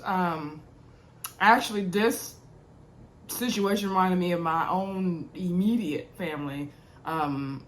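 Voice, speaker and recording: A young woman who hosts TV recaps talks through a reality TV episode with her viewers, her pitch sitting fairly low and a bit of background noise audible. Her throat is sore and she's congested, and she keeps dropping ums and y'alls in a relaxed, chatty way.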